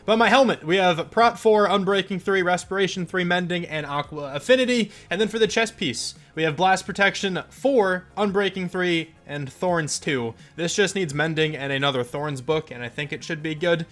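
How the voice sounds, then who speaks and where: A man's voice: high-pitched, normal speed, hardly any pauses, fairly bright tone. A congested young man casually commentating his own game footage as the channel host, chatty and rambling with lots of fillers. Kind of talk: casual let's play commentary.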